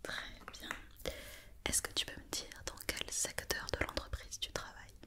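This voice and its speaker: In an ASMR roleplay, a woman plays a company doctor, whispering softly and unhurriedly. Her soft, unvoiced whisper gently reassures as she gives step-by-step instructions.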